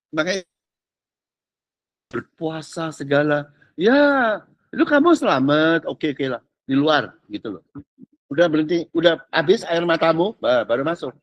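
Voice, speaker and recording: A man's voice: fairly high pitch, dry recording. A male pastor preaching casually, with slang and rhetorical questions, slipping in English phrases. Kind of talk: sermon.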